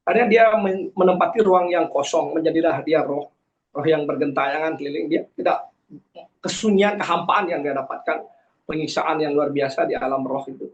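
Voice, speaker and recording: A man in a fairly high voice. He sounds earnest and a little preachy, pausing and hesitating often as he testifies. The recording is dull and lo-fi. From Karangasem, Bali. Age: 40s. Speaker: guest.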